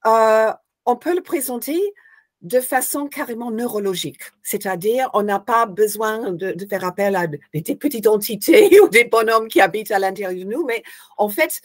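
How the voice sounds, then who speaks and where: A woman's voice: fairly high pitch, expressive, moderate pace. An older woman from Australia, a guest hypnosis instructor, explaining her sessions thoughtfully and searching for words as she goes. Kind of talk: explanatory interview answers.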